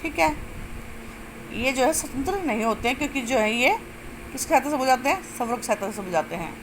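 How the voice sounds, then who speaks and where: A woman teaching a grammar lesson step by step, asking questions and answering them herself, and drawing out sounds slowly to show them. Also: sits high, expressive, noisy background. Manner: explains step by step, asks and answers own questions. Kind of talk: classroom-style lesson.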